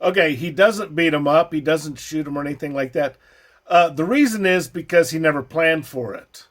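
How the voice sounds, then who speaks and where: A man's voice: on the high side, moderate pace, fairly bright tone. A man hosting a reaction video, commenting on a clip in a blunt, scornful, lecturing way.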